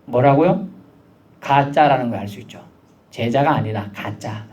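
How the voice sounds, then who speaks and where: A man's voice: mid-range voice, moderate pace, darkish tone, lo-fi sound. A man preaching a midweek sermon, in a casual, conversational way, acting out the voices he quotes. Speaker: pastor.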